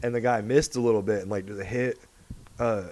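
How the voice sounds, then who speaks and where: A man's voice: lowish voice, fairly even intonation, brisk, darkish tone. A young man co-hosting a comedy podcast, riffing in a rambling way and swearing often. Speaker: podcast co-host. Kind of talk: casual comedic chat.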